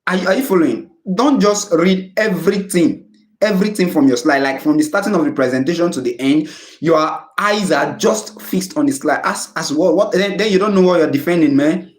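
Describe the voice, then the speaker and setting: Man, Nigerian English accent, tutor, live-stream lesson, mixes in Pidgin, slightly high pitch, roomy echo. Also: brisk. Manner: chatty, laughs often at his own jokes.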